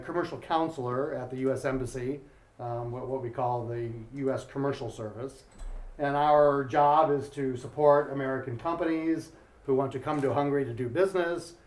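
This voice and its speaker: Here a Midwestern man from Ohio, serving as the embassy's commercial counselor, offers a relaxed welcome speech at an embassy event. His medium-pitched voice is slightly mellow, and he sprinkles in plenty of fillers like "um" along with modest, self-mocking humor. Echo fills the room.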